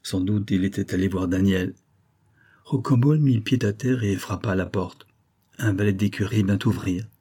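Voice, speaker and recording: Man, audiobook narrator, measured, low voice, dark tone. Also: slightly rough. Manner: steady, measured storytelling. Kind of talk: audiobook reading of a classic novel.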